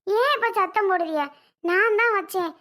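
A woman plays a young wife caught out over a spoiled soup, her voice piercingly high and sharp. She pleads and snaps back. Her tone is bright and pressed, the voice of a comedy skit. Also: moderate pace. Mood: pleading, defensive. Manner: pleading, then snapping back. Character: flustered young wife defending her cooking.

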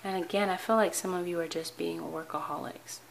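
A tarot reader, heard off camera at an indoor table laid with cards, talks through a weekly tarot spread for the camera. Her somewhat low voice is hoarse and tired, and she speaks earnestly, pausing and restarting phrases while keeping a calm, steady tone. Faint room hiss sits behind her words.

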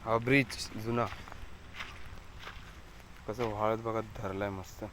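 A man's voice: fairly low pitch, fairly even intonation, takes it slowly, fairly bright tone. A man with a Konkan Marathi accent, vlogging casually as he walks through a rainy village and points things out to viewers. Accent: Konkani-region Marathi. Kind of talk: casual travel vlog chat. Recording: outdoor noise in the background.

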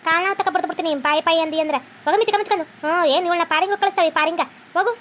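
Woman voicing a shrill bossy mother-in-law. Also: fairly even intonation, fairly bright tone, slight background noise. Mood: scolding. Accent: North Karnataka Kannada. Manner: scolding, rapid-fire bossy. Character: bossy scolding mother-in-law, middle-aged. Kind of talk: cartoon comedy voice acting.

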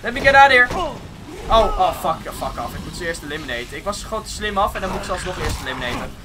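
A man giving excitable let's play commentary on a game, swearing often and slipping English phrases into his talk. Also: on the high side, quick pace, over music. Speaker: gaming video host. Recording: steady background noise.

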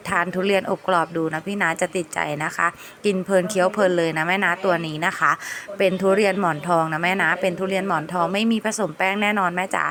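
A woman live seller giving a repetitive, coaxing sales pitch to viewers, with polite endearing address.

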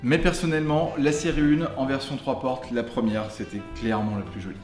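A man's voice: mid-range voice, steady tone, brisk. Joking man presenting cars in a roomy garage. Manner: tongue-in-cheek, joking asides and slang. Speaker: host of a car show. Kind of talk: casual scripted car presentation to camera. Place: garage, indoors. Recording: roomy garage echo, faint music behind.

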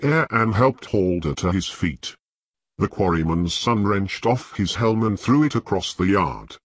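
A man narrating an audiobook in a measured, expressive storytelling manner. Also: sits low, slightly rough, no room sound. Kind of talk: scripted narration.

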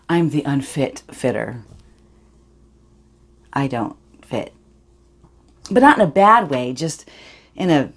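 Performing a dramatic monologue, a woman plays a privileged, awkward eighteen-year-old girl who rambles confessionally, sly, defensive and self-justifying. She uses a rumbling low, gravelly, exaggerated voice.

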